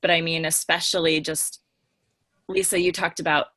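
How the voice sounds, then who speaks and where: A woman who works as a book editor chats casually and candidly as a podcast panelist, emphatic, informal and gushing. Her voice is low and flat in delivery, pushed and bright, at a normal speed. The recording is dry.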